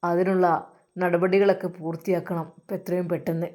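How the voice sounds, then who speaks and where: Woman doing a pushy boss guy, low and coaxing, insists on getting his way. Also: little pitch movement, fairly quick, a little mellow, lightly acted. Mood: insistent. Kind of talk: storytelling voice acting.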